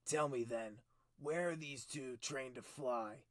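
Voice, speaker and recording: A man voicing a stern, cold middle-aged king who talks in clipped, forceful commands, higher and louder than his narration. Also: slow, no room sound, natural voice. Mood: cold, commanding.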